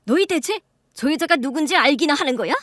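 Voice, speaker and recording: Picture a furious father roaring at his grown kids in a radio drama, voiced by a woman. The voice sits high and bright. It is recorded close and dry. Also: animated, brisk, no room sound. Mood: angry scolding. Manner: shouting, scolding. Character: stern, furious middle-aged father scolding his grown children.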